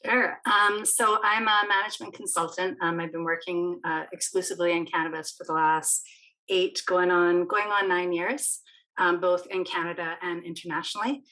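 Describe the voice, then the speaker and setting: Woman from barbados, chatty consultant on a video call, kinda low voice, laughs a lot. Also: fairly even intonation, moderate pace, sharp tone, low-quality recording. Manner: chatty, laughs easily, restarts often. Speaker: management consultant. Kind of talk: casual panel chat. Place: remote webinar call.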